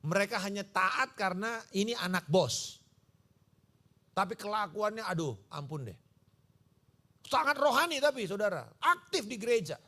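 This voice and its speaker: A male pastor preaches. His voice sits high and swings widely in pitch. He tells stories and acts out their dialogue. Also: normal speed, long pauses. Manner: animated storytelling, acting out dialogue. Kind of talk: sermon. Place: church service.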